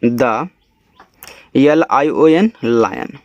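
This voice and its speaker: A man from India teaching English reading, spelling each word letter by letter and then sounding it out slowly. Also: mid-range voice, a little mellow, no room sound, dull audio. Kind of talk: step-by-step spelling lesson.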